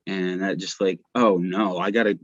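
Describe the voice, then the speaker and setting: A young adult man appears as a podcast guest over a muffled video call, chatting casually and sharing personal stories. His voice sits low with a steady tone at normal speed, and there's no room sound.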